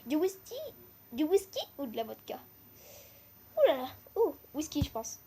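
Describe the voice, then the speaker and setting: Woman w a high voice reading would-you-rather options, chatty, yells when she gets it right. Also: moderate pace. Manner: reads choices aloud, then bursts into excited shouts; repeats a teasing catchphrase. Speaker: gaming channel host.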